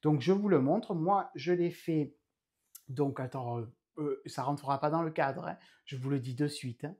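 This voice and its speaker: Male podcast host with a mellow voice, talking casually and loosely indoors at home. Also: on the high side, normal speed. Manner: chatty and rambling, with frequent hesitations. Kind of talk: casual chat.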